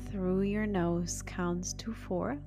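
A woman leading a guided meditation in a soft, soothing voice that nears a breathy spa whisper, in deliberate, spaced-out phrases. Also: lowish voice, fairly even intonation, over music. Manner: slow, deliberate phrases with long pauses. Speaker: health astrologer and meditation guide.

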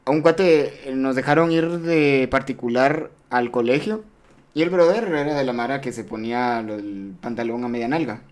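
A man's voice: medium pitch, normal speed. A young man telling crude school stories in a casual chat, acting out the voices of the people in them. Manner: crude, animated, acts out quoted voices.

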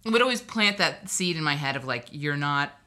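A woman's voice: sits low, lively intonation, moderate pace, sharp tone. A woman from Hawaii, a guest on a casual podcast, telling personal stories in a chatty, wry way with asides.

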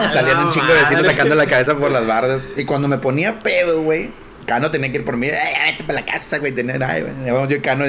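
A middle-aged man, a podcast co-host telling profane, laughing anecdotes in casual chat. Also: medium pitch.

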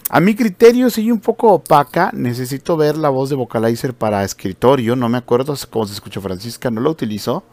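A man's voice: medium pitch, animated, quick pace, hardly any pauses, darkish tone. A man who hosts a tech channel, chatting casually as he demonstrates screen-reader voices and explains what he hears. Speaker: tech channel and podcast host.

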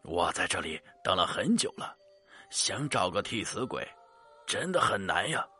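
A man voicing a scheming male water ghost who speaks in a low, hushed mutter. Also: very animated, moderate pace, breathy edge, faint music behind, exaggerated voice. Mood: sly.

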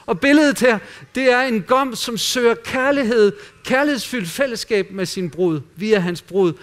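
A man preaching a sermon in an earnest way, dropping at times to quiet, intimate asides. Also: extremely high pitch. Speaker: pastor.

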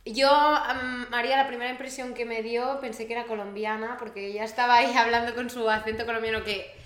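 Podcast co-host, Spanish woman, higher voice, lively, emphatic, echoey room. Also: brisk. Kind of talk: casual chat.

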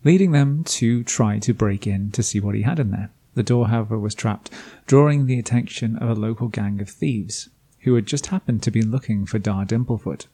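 A man narrates a scripted tabletop campaign recap as game master. His voice is low, mellow and a bit husky. He drops in dry, self-deprecating asides along the way. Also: moderate pace. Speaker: game master and podcast host.

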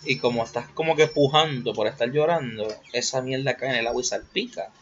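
A young Puerto Rican man talks on his own in a loose, rambling way, crude jokes and stray English words mixed into his speech. His voice sits at an ordinary middle pitch, and the recording is a little dull and muffled with a faint hiss underneath. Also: brisk. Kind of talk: casual solo monologue.

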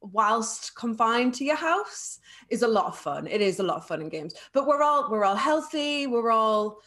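A woman's voice: on the high side, very animated, normal speed, a bit bright. A young woman from Carlisle, chatting as a guest in a live online interview, talkative, with frequent fillers and laughs. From Carlisle, England.

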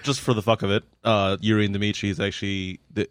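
A man's voice: fairly low pitch, flat delivery, fast, clean tone, no echo. A man co-hosting a podcast in casual chat, blunt and swearing casually. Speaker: podcast co-host.

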